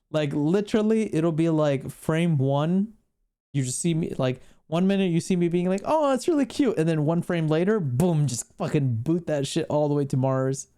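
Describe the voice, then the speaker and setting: In a mellow, medium-pitched voice, this streamer chats casually with viewers during a livestream, reacting to the screen as he goes. The talk is rambling, full of laughter and free swearing.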